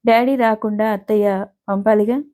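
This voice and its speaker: A woman voicing a gentle, sympathetic young woman. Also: medium pitch, steady tone, moderate pace, lightly acted.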